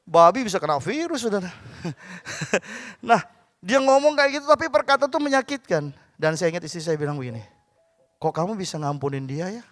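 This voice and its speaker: A man preaching a sermon as a pastor, lively and joking, with sudden loud bursts. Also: high-pitched, a little fast. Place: church service.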